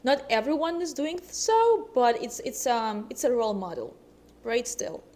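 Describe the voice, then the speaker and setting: A woman's voice: on the high side, animated, a little slow, darkish tone. A young woman from Russia, a vlogger chatting casually to camera, hesitant and full of ums.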